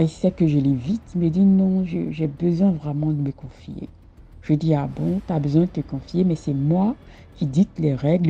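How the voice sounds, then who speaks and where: A woman's voice: lowish voice, creaky, husky. A woman telling her own story in the first person, emphatic and fond of repeating herself for effect, on a dull lo-fi recording. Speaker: caller sharing a personal story.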